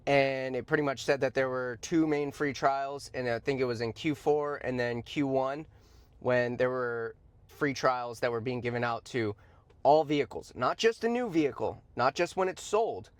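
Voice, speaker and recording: A stock commentary show host speaks in a mid-range voice at a moderate pace, recorded dry. His informal, opinionated commentary is blunt, emphatic and conversational, with slangy asides and points repeated for emphasis.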